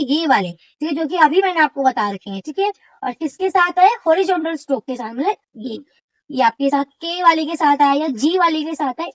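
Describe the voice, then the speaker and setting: A woman's voice: sits high, highs cut off. A woman teacher explaining a shorthand lesson step by step, often checking whether her students follow.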